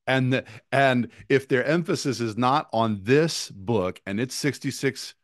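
A man's voice: mid-range voice, slow, no room sound, clean studio sound. A man co-hosting a casual theological discussion, talking emphatically and stressing long lists of points. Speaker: podcast co-host.

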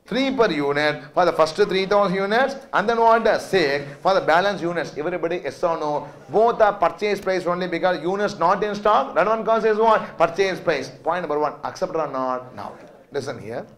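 A man's voice: high-pitched, normal speed, fairly bright tone. A man with a South Indian accent lecturing like a classroom teacher, asking rhetorical questions and often checking that students follow. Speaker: accountancy teacher.

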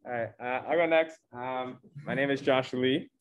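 The club's co-president, a young adult man from California, rambles cheerfully through a casual meeting presentation, filling it with fillers. He speaks at a moderate pace in a mid-range voice with a clean tone. The audio is dull.

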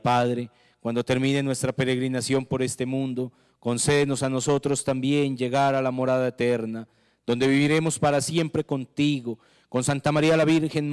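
A man in his forties with a Colombian Spanish accent, a priest leading Mass with solemn, measured recitation into a handheld microphone in a small chapel. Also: mid-range voice, a little mellow, clean tone. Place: small chapel with altar flowers. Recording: long chapel reverb.

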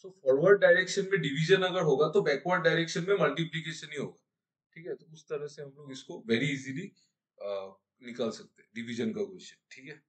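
A man's voice: on the high side, brisk, fairly bright tone, rough recording. A young man, a teacher, explains math problems in a mix of Hindi and English, working through each step and asking his online students questions. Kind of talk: online exam-prep math class. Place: online class.

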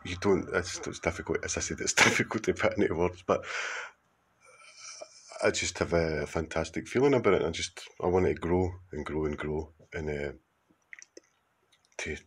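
Talking casually to camera in a video message, this contributor is a Glaswegian man from Scotland in his fifties with a breathy-edged bass voice. His delivery rambles and hesitates, full of fillers and restarts.

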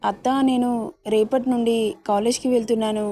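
A woman's voice: on the high side, level tone, brisk, dark tone, dry recording, natural voice. A woman voicing a spirited, feisty young wife who talks back playfully, in a romance story reading.

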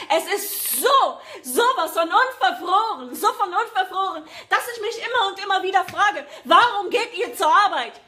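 A woman's voice: extremely high pitch, bright, forceful tone. A woman from Germany in an agitated live-stream rant to her viewers, repeating phrases for emphasis. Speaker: vlogger addressing viewers.

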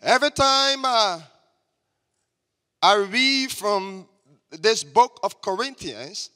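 A man preaches a slow, deliberate sermon in a high, bright voice. He stresses his points and calls on the congregation to repeat his words. His voice rings with a long church reverb. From Liberia. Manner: emphatic, has the congregation repeat after him. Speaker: guest preacher. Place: church sanctuary.

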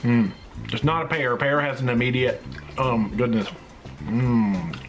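A man's voice: mid-range voice, unhurried, music in the background. A man in his thirties hosting a casual taste challenge, wry and jokey, talking as he tastes and chews jelly beans. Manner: tasting and chewing jelly beans while talking. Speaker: host of a taste-challenge video. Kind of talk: casual chat. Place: small indoor room, seated in front of a camera.

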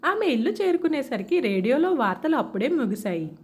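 A woman narrating a story in a measured, expressive reading. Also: high-pitched.

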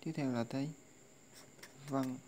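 A patient tutor talks through a casual lesson in a middle-pitched voice. Readings are recited slowly and repeated again and again, with a faint hiss under the recording. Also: fairly even intonation, dark tone. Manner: slow drilling recitation of readings, repeated over and over. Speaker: language tutor.

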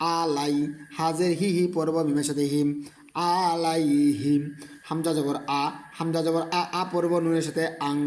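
Here a man with a slightly high voice gives a Quran recitation lesson, spelling out each letter and vowel with patience and then chanting the words in a melodic way. A faint hiss or hum sits in the audio.

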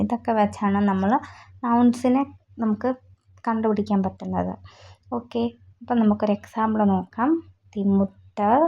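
A woman teaching German grammar rules in Malayalam, who spells out examples slowly and deliberately. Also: mid-range voice, a little mellow. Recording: slightly dull lo-fi audio.

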